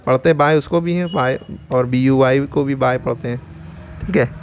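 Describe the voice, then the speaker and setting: In a mid-range voice carrying a bit of hiss or hum, a man runs through English vocabulary in Hindi. He goes letter by letter at a slow pace, says each word again with its pronunciation and meaning, and often adds "ठीक है?".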